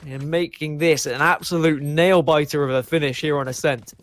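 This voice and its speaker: A man doing lively play-by-play commentary on an esports match, bantering jokingly with his co-caster over a headset mic. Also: on the high side, normal speed. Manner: animated, jokey banter.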